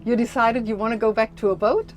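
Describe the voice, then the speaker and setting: A woman's voice: fairly high pitch, steady tone, quick pace. A woman who speaks English as a second language, hosting a casual interview and narrating. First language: not English. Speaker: host interviewer. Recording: background music.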